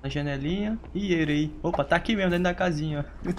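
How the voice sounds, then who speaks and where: A Brazilian man casually commenting on his own gameplay, playful and quick to laugh as he teases opponents. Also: a little high, slight background noise. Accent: Brazilian Portuguese. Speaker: gaming streamer.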